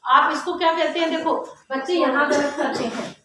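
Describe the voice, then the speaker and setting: A woman teacher giving a classroom grammar lesson, explaining step by step and slowly sounding out letters to demonstrate. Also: high voice. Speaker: Hindi teacher. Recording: very echoey classroom with faint noise.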